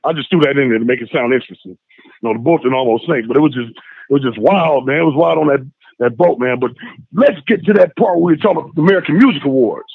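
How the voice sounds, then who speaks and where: A man calling in by phone to tell a story in casual chat, lively and acting out the voices of the people in it. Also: mid-range voice, fast talker, creaky, breathy edge, no room sound. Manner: animated, acts out voices in his stories. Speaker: phone-in guest. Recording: tinny phone line.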